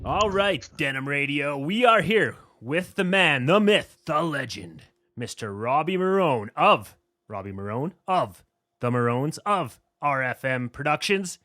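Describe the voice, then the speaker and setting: A man's voice: a little high, animated, measured pace, pushed and bright, no room sound. A man co-hosting a casual radio interview, upbeat and teasing, laughing a lot. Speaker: radio show co-host.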